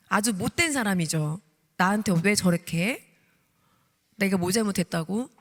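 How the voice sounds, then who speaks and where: A woman deaconess in her thirties giving an animated testimony sermon, acting out her own prayers as she tells the story. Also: mid-range voice. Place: church sanctuary. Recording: long hall reverb.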